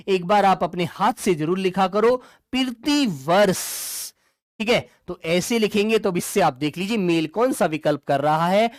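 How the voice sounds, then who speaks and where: This man's high-sitting voice comes through clean, studio-style, with no room sound at all. He's a Hindi teacher running a live online lesson for exam preparation, warmly calling his students dear children and replying to their comments as they arrive.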